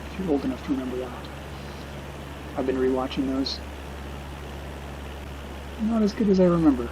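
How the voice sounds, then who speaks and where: A man's voice: medium pitch, expressive, noisy background. A middle-aged man giving casual, unscripted flight simulator commentary, hesitant and musing as he goes. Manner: hesitant, musing, unhurried reminiscing. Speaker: video game streamer flying a simulator.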